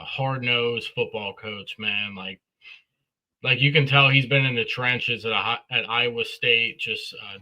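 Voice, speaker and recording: A man co-hosting a sports podcast, eager and opinionated in casual chat. His voice has a very bright, forceful edge at a middle pitch. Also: low-quality recording. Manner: enthusiastic, opinionated. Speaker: podcast co-host.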